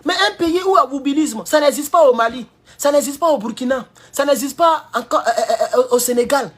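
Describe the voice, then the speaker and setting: At home in California, a man from Ivory Coast with an Ivorian French accent delivers heated political commentary at a fairly quick pace. He jumps between loud, high outbursts and low mutters.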